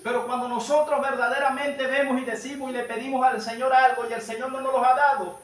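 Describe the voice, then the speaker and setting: A man's voice: very high voice, level tone, fast. A man preaching a sermon at a church service, fervently addressing his listeners as brothers. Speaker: evangelist preacher. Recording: echoey hall, distant mic, faint noise.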